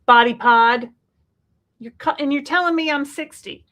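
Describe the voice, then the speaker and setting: A woman in her fifties co-hosting a live question-and-answer chat, talking with animated, exasperated bursts and laughs. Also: high-pitched, normal speed. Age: 50s. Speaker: co-host.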